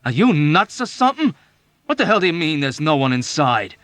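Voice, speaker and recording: A man voicing a frightened young airman who shouts with dread and anger. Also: fairly high pitch, moderate pace, no echo, pitched above the performer's own voice, close to an everyday voice. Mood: alarmed.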